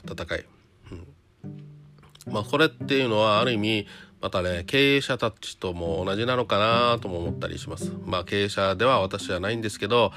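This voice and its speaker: A man giving a casual solo monologue to viewers, chatty and full of rhetorical questions and little tag fillers. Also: low voice. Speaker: trader talking to viewers. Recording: guitar music under the voice.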